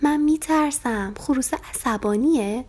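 A woman voicing a timid, easily frightened little male lamb in a children's story, speaking in a slow, small, childlike voice. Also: sits high, a little mellow, slight background noise, pitched above the performer's own voice, lightly acted. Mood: fearful.

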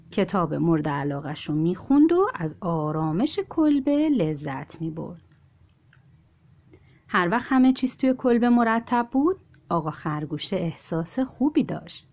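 Expressive woman reading a children's story. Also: medium pitch. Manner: expressive, rising and falling.

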